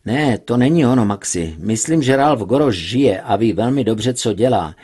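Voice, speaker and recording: A man with a husky voice voicing a tense male pilot who reports distances in clipped sentences. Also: medium pitch, animated, a little mellow. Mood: reporting.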